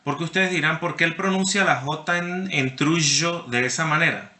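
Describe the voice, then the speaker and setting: A man's voice: fairly high pitch, normal speed, pushed and bright, reverberant. A man teaching a university class online, explaining step by step and often checking that students follow. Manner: explanatory, checks understanding with frequent "¿sí?"; addresses students by name. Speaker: university lecturer.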